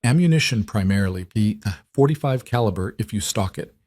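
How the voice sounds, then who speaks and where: A man doing a quiet, low-voiced cowboy gunslinger. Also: lively intonation, fairly quick, no echo, clean studio sound. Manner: quiet, unboastful, matter-of-fact. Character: calm male cowboy gunslinger, quiet and plain-spoken.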